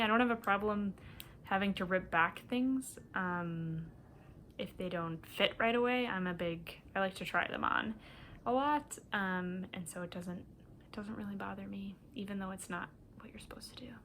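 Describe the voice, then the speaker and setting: A woman from Minnesota hosting a knitting podcast in casual chat, chatty and rambling, often breaking into soft laughs. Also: mid-range voice, a little hiss or hum.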